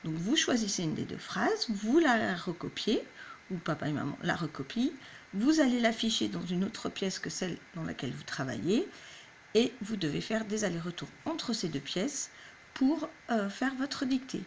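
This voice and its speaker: Speaking at a normal speed with lots of animation, a woman teacher walks young children through a lesson at home. Her voice sits at medium pitch, there's slight background noise, and she stays patient and clear, going step by step.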